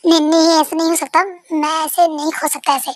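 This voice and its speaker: A woman's voice: high voice, little pitch movement, a little fast, no room sound, clean studio sound, close to an everyday voice. A woman voicing a shy, jealous young man in love, in a fan-dubbed story, pleading and emotional.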